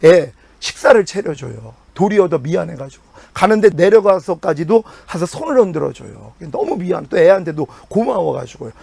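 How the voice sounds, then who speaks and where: Male pastor, middle-aged, high lively voice with gravel, preaching with big swings, dry sound. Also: normal speed, no room sound. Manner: animated preaching with sudden pitch jumps and quiet drops. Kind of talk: sermon.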